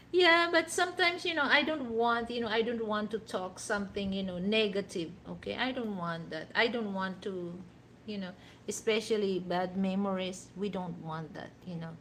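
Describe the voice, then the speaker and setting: A Filipino woman hosts a livestream, chatting casually and rambling with lots of "you know" fillers. Her voice is medium-pitched and a bit bright, at a normal speed, with slight background noise. She's from the Philippines, and her first language is a Philippine language other than Tagalog.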